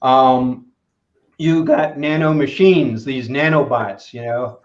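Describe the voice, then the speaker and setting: A man answering interview questions as a materials expert, halting and full of fillers. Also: medium pitch. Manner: halting, many "uh" and "you know" fillers. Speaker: guest expert in materials engineering. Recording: roomy, dull lo-fi sound.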